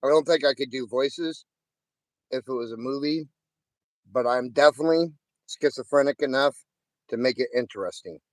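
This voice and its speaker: A man hosting a live stream in casual chat, joking and rambling, with a quick wit. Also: medium pitch, no echo. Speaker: stream host.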